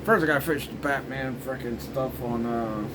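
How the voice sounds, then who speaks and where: Over a noisy background, a man with a medium-pitched, slightly fast voice rambles casually as the host of a review show. His commentary is informal and loosely strung together, repeating fillers like "you know" and "frickin'."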